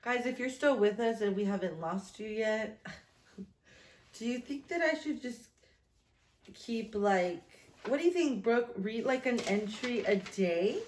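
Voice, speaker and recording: A woman in her thirties, hosting a vlog, speaks in a fairly high, darkish voice that is expressive but slow-paced. She chats casually and reads aloud from an old journal, mocking herself as she tells stories. She's at a table in a small indoor room that sounds echoey.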